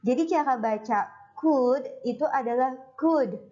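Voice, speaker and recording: A woman with an Indonesian accent, teaching children English phrases in a recorded lesson, speaking the model phrases slowly and lifting the pitch on a polite "please". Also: darkish tone, muffled recording.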